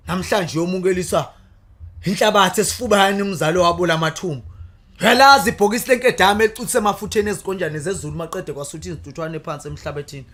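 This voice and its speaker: A man's voice: on the high side, fairly bright tone. A man with a Zulu accent reciting praise poetry in an impassioned, declamatory torrent. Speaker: guest, praise poet.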